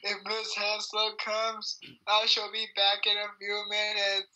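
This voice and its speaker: A woman's voice: medium pitch, monotone, unhurried, pushed and bright, muffled recording. A girl in an amateur play read-through with friends, joking crudely and stumbling over her script lines.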